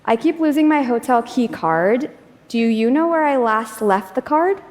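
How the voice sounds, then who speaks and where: Woman doing a live stage demo, kinda high voice, chatty, big hall echo. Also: lively intonation, a little slow, a little mellow. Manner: friendly, conversational, laughs easily. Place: large conference hall stage. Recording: long reverb of a large hall.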